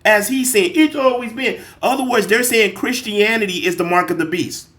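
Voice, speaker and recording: A man hosting a reaction video, irritated and profane, talking straight at his viewers and stopping to read scripture slowly. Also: sits high, sharp tone. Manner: reads scripture slowly and deliberately. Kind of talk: heated commentary on a played clip.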